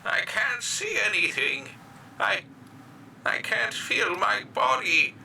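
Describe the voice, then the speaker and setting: A man's voice: high voice, big pitch swings, slow pace, gravelly, slight background noise, voice pushed up, full character voice. A man voicing a frightened, lost old man who pleads in a quavering voice, close to tears. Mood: frightened pleading. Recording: echoey, distant, loud music behind.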